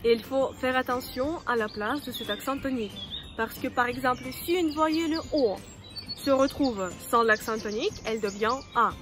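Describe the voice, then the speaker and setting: A woman who speaks natively gives an online language lesson, patient and lively, repeating words slowly. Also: fairly high pitch. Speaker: Russian teacher.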